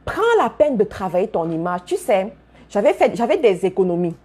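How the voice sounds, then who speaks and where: A woman's voice: medium pitch, big pitch swings, normal speed, a little mellow, husky. A woman giving a motivational business talk to her followers, speaking emphatically, repeating key phrases and addressing listeners directly. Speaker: business coach.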